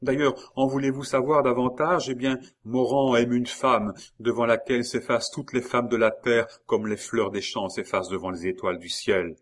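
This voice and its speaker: A man's voice: mid-range voice, steady tone, moderate pace, few pauses, voice pushed up, lightly acted. A man reading aloud, voicing a tender, anxious young married woman with a raised, pleading, emotional delivery. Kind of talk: audiobook character voice.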